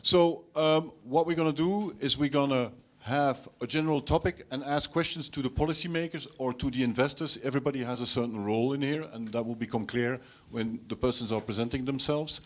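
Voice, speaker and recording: A man's voice: medium pitch, brisk, hardly any pauses. A man moderating a conference panel, enthusiastic and rambling.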